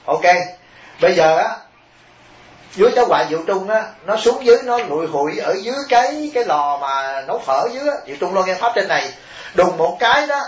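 A man, a Buddhist monk, telling stories in a lively sermon and asking his listeners questions directly. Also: high-pitched. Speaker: Buddhist monk giving a dharma talk. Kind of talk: storytelling sermon. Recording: roomy, dull lo-fi recording with faint hiss.

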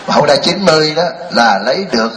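A man's voice: fairly high pitch, animated, fast talker, a bit bright, a little hiss or hum. A man, a Buddhist monk giving a folksy, joking sermon and firing rhetorical questions at a live audience. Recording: echoey hall, mic at a distance.

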